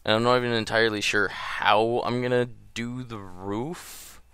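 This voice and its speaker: A man's voice: medium pitch, steady tone, moderate pace, bright, forceful tone, clean tone, no echo. A man giving casual gameplay commentary in a groggy early-morning voice, rambling and hesitant. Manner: rambling, hesitant, full of ums and trailing thoughts.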